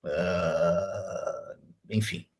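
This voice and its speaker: A man's voice: low voice, steady tone, very slow. A Brazilian man in his forties, a guest on a video-call interview, talking reflectively with many fillers and restarts. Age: 40s.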